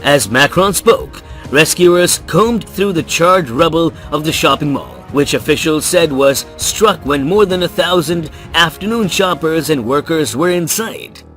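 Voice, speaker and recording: Measured male newsreader over soft music. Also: fairly high pitch. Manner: even, measured newsreader delivery. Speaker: news narrator. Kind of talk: scripted news voice-over. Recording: faint music bed behind the voice.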